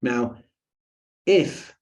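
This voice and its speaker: A man's voice: extremely slow, a little mellow. Chatty male breathing coach. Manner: chatty, jokey, rambling with fillers. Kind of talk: webinar teaching.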